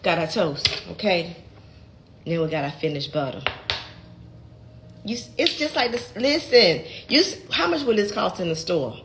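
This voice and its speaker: Middle-aged woman, folksy home-cooking vlogger, lower register. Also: big pitch swings, normal speed, pauses often, noisy background. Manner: chatty, folksy, calls viewers baby and child. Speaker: home cook and gardening creator. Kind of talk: casual how-to vlog. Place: home kitchen.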